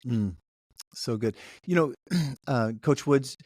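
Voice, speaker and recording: A man's voice: medium pitch, animated, takes it slowly, darkish tone, dry recording, clean studio sound. A man, a pastor, hosting a podcast interview and reflecting the guest's words back. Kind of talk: conversational interview.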